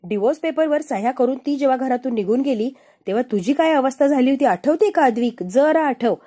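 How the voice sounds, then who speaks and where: A woman's voice: sits high, expressive, brisk, warm tone. A woman voicing a man's inner conscience that teases and lectures him. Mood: scolding. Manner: needling, lecturing. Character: man's own inner voice, teasing and scolding.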